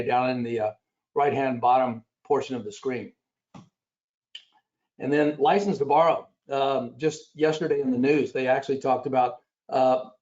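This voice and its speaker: A man with a raspy voice giving a conference presentation, pausing often with fillers as he reads statistics off his slides. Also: medium pitch, darkish tone. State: raspy after illness. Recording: dull lo-fi recording.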